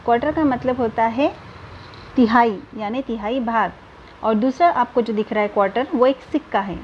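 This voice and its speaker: A woman teacher gives a grammar lesson. She reads English definitions out slowly and carefully, then explains each one. Her voice sits fairly high, and the recording is a dull, lo-fi voice-over with a faint hiss behind it.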